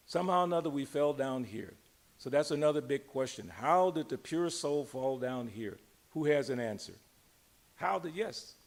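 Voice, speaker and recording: Speaking live before a temple gathering, an older man delivers a casual but emphatic sermon as a religious teacher. He puts questions to the crowd and stresses key words, his medium-pitched voice animated and moving at a moderate pace.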